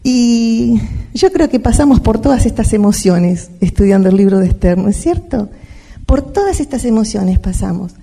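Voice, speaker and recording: A woman's voice: fairly high pitch, lively intonation, moderate pace, creaky, dark tone. An older woman with an Argentine accent, giving a devotional talk to a women's church meeting, telling personal stories and often checking in with her listeners. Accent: Argentine Spanish. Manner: storytelling, often asks "¿no es cierto?".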